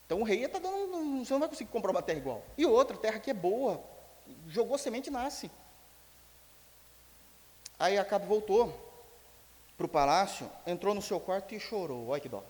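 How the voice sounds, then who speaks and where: A Brazilian man preaching a sermon as pastor, telling a story in an animated way and acting out its dialogue. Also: high voice, brisk, long pauses. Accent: Brazilian Portuguese. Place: church sanctuary. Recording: long church hall reverb.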